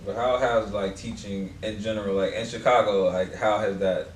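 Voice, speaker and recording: A man's voice: lowish voice, fairly even intonation. A man co-hosting a podcast, joking and asking the guest questions. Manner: quick, joking, asks questions. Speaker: podcast co-host. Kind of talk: casual podcast chat. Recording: roomy, distant mic with faint noise.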